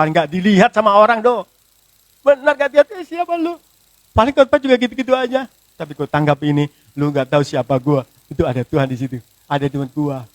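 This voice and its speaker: A middle-aged man preaching a sermon, telling his testimony with sudden swings between loud and soft. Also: on the high side, dry recording.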